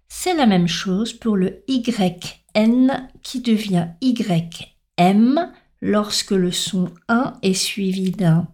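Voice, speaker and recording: A woman gives a slow, deliberate spoken lesson on sounds. Her voice is soft and mellow, and she spells out letters one by one with clear stress on each example word. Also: mid-range voice. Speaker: French pronunciation teacher.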